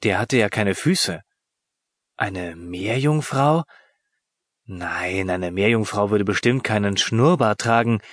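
A man reading a children's story aloud, expressive and measured. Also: lowish voice, no room sound, clean studio sound. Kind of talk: scripted narration.

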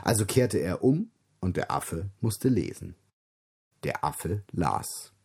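A male storyteller reading a children's story aloud at a very slow, deliberate pace. His voice is gravelly and husky, and his pitch moves in a lively, expressive way. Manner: slow, expressive, with dramatic whispers.

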